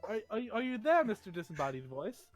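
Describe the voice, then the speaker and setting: Male tabletop player, high pitch, lively intonation, mock-formal in-character banter. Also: brisk, soft background music. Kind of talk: casual in-character role-play banter.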